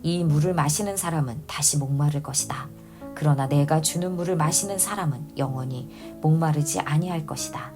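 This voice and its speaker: A woman reading the words of Jesus as a calm male teacher, measured and plain. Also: deep voice, music in the background, close to an everyday voice.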